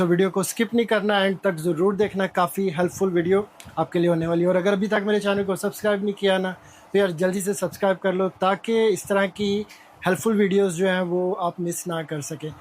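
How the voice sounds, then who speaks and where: High-pitched Pakistani man hosting a video. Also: darkish tone. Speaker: video host, interviewer. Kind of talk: YouTube shop-visit presenting.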